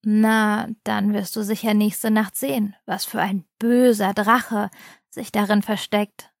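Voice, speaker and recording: A woman's voice: mid-range voice, flat delivery, takes it slowly, gravelly, dry recording, studio quality. Woman reading as a teasing, cheerful dad. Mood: amused. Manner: amused and gentle. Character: cheerful, teasing father of a young boy.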